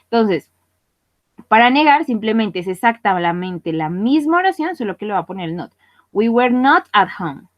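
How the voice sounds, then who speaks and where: A woman's voice: mid-range voice, sing-song, normal speed, no echo. A woman teaching English grammar in an online class, speaking patiently and often checking that her students follow. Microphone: computer mic for online class. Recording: muffled lo-fi dry audio.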